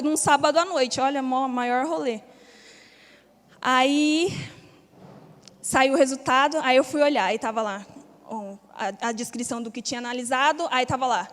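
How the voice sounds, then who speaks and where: A young woman gives her personal testimony in a church hall, telling it in a candid, slangy way. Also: high-pitched. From Brazil. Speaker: church member giving testimony. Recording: long reverb of a church hall.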